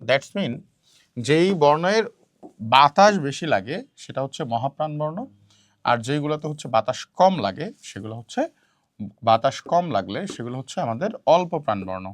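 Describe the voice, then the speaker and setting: A man's voice: mid-range voice, animated, normal speed, dry recording. A man teaching a grammar lesson for exam prep, repeating key points and quizzing students, dropping in English words. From Bangladesh.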